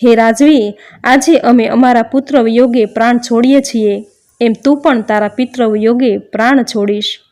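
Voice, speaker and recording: A man's voice: very high-pitched, steady tone, normal speed, a little mellow. Anguished old blind father, weeping, read by a woman storyteller.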